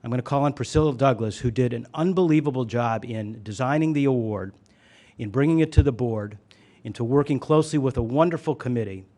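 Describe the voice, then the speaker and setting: A man addressing a conference on behalf of the board, at an ordinary pitch. He talks hesitantly, dropping "uh" between phrases. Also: a little mellow. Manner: hesitant, many "uh" fillers. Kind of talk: prepared speech at a podium.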